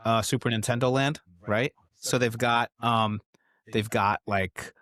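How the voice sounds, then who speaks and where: A man's voice: mid-range voice, steady tone, unhurried, a bit bright, no echo, studio quality. A middle-aged man with a Bronx accent hosts a casual interview, prompting with easygoing questions and short replies. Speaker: host interviewing his son.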